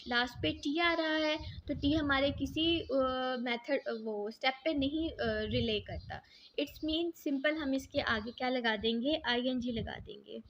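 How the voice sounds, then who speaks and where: A woman's voice: high voice, lo-fi sound, slight background noise. A woman teaching English grammar, patiently going step by step and asking and answering her own questions. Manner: mixes English words into her explanations. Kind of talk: explaining grammar exercises.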